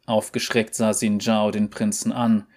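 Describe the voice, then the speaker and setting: Low-voiced male audiobook narrator. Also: flat delivery, unhurried, darkish tone.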